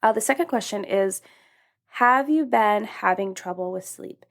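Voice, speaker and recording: A woman's voice: mid-range voice, moderate pace. A woman hosting a self-help podcast, talking candidly in a casual, rambling way with fillers and self-corrections. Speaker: podcast host.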